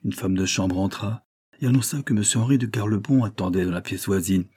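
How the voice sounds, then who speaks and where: A man narrating a classic French novel as an audiobook, in a measured, dramatic reading. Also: fairly low pitch, dark tone, husky. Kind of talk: scripted narration.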